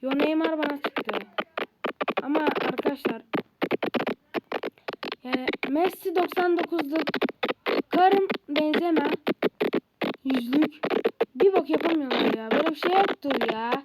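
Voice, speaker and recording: A high-pitched woman talks through a football game as she plays it, jumping from excited yells to grumbling frustration. A loud, steady noise sits under her voice throughout the recording. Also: unhurried, long pauses. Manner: excitable, frustrated, shouts at goals. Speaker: gaming video creator. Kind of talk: live gameplay commentary.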